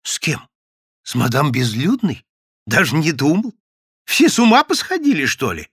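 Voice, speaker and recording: A man's voice: a little high, wildly swooping pitch, normal speed, fairly bright tone, slightly rough, dry recording, clean studio sound, heavily acted. A man doing a carefree, puzzled invisible man. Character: carefree invisible man, young-ish, naive.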